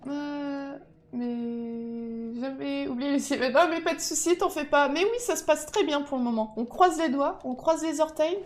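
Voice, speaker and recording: A woman streaming a game, chatting casually with her viewers and reacting aloud with excitable outbursts. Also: high-pitched, unhurried. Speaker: gaming streamer. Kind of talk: casual gameplay commentary.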